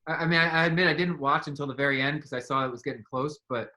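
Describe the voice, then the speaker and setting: A man's voice: on the high side, rapid-fire, bright, forceful tone. A man hosting a casual sports debate, chatty and often laughing at his own points. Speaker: host.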